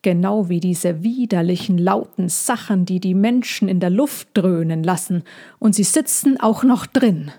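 A grumpy male hedgehog grumbles his ideas in a storybook tale, as a woman reads him. His voice is slow, lowish and mellow, dry in delivery. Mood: grumbling.

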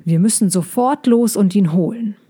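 A woman voicing an ancient, stern female dragon in a children's story, with a slow, commanding manner. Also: mid-range voice, dark tone, slightly rough, lightly acted.

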